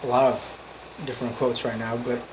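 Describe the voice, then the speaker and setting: A man giving an off-the-cuff motivational monologue, earnest and emphatic, in halting phrases that repeat for emphasis. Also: mid-range voice, flat delivery, noisy background. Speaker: amateur motivational speaker.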